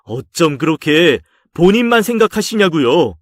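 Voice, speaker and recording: A man's voice: fairly high pitch, sing-song, moderate pace, no room sound, studio quality. A man playing an exasperated young husband. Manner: pleading, exasperated. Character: young husband defending his pregnant wife. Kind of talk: dramatized story reading.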